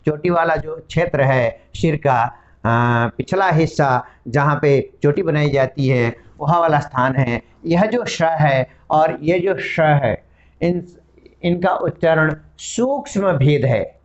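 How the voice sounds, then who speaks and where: A man's voice: a little high, slow, dull audio. A man teaching a Sanskrit grammar lesson, explaining and spelling out each sound one at a time. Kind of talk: classroom-style lesson.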